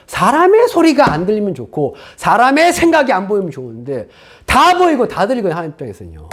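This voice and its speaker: Male pastor, animated sermon delivery; high, very lively pitch; conversational, rhetorical questions. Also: fast talker. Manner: casual, conversational preaching.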